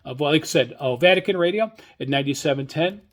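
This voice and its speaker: This man runs an informal radio hobby show by himself, sounding keen as he halts, meanders, and doubles back on his words. His voice is on the high side.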